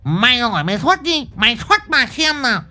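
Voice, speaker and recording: A man's voice: very high-pitched, sing-song, a little fast, pushed and bright, soft background music, voice pushed up, exaggerated voice. A man voicing a brash, fierce country woman who shrieks crude threats in a ghost story. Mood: furious taunting.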